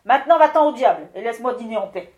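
A woman voicing a grumpy, gruff male wind spirit who shouts curtly at visitors in a storybook reading. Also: a little high, animated, quick pace, narrow, tinny audio, natural voice. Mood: gruff, bellowing. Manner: bellowing, curt and impatient.

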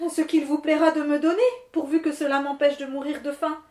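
A woman's voice: high-pitched, level tone, fairly quick, dark tone, reverberant, voice pushed up, lightly acted. A woman voicing a humble, timid male miller who pleads and stammers before a powerful spirit in a storybook. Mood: pleading. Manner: stammering, deferential.

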